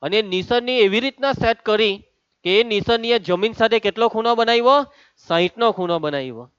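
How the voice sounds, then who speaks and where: A man's voice: high voice, normal speed, a bit bright, clear, resonant tone, no echo. A man teaching a maths class, chatty and teasing, calling on students by name as he goes. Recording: dull, lo-fi sound.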